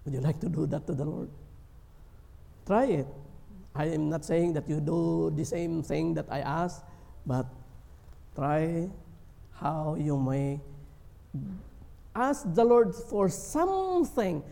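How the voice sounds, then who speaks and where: A gravelly, dark-toned man from the Philippines delivers a sermon at a slow, deliberate pace. His earnest words ring out with a long reverb, as if in a large church hall. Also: a little high, steady tone. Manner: slow, earnest preaching, acting out prayers in a pleading voice. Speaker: pastor.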